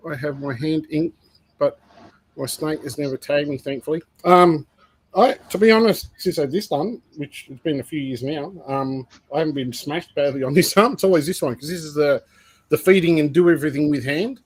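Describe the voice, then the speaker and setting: On a reptile breeding livestream, a male co-host tells rambling stories packed with fillers in a relaxed, chatty way. His voice is slightly high and husky, he talks briskly, and the audio quality is poor.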